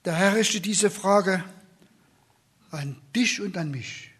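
Male preacher, slightly higher voice, husky, earnest sermon delivery. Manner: slow, earnest, soft whispered questions.

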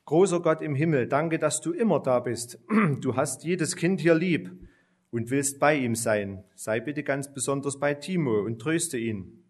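A man voicing a kind woman kindergarten teacher who speaks calmly and comfortingly in a children's storybook reading. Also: fairly high pitch, a little slow. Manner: calm, comforting.

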